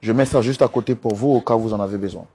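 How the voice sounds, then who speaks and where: A man hosting and mediating a couple's dispute, coaxing and calming them with polite, repeated requests. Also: on the low side, very fast, slight background noise. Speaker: host and mediator. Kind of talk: talk show mediation.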